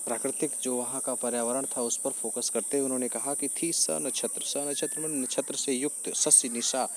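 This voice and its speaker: A man of ordinary pitch, teaching a classic poem. He recites each verse deliberately and then unpacks it in a patient, repetitive way, filling his pauses with small hesitations. Faint background noise sits under his voice. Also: fairly even intonation. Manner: recites verse lines slowly, then paraphrases them with frequent fillers and repetition. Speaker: teacher explaining Hindi poetry. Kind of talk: explanatory lecture on a poem.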